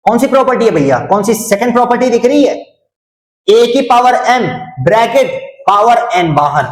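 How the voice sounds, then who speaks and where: A man with a Hindi accent and a high-pitched voice teaches a maths lesson online, drilling students by asking the same questions again and again and jokingly teasing those who get it wrong. The audio is poor and reverberant.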